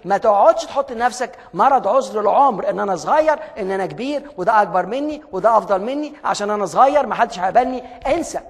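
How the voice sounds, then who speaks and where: An Egyptian man gives a motivational lecture at a breakneck pace. His voice sits very high and he tells stories with energetic emphasis. A long hall reverb trails behind him. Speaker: motivational speaker.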